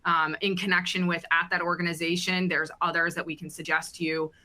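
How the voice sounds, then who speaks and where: A woman hosting a webinar Q&A over a video call, upbeat and filling pauses with ums. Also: lowish voice, little pitch movement, sharp tone. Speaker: webinar host.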